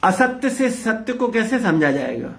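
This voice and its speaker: A man's voice: sits high, very animated, measured pace, creaky, a bit bright. A man leading an interactive spiritual discourse, blunt and rhetorical, questioning his listeners. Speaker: spiritual teacher leading a class.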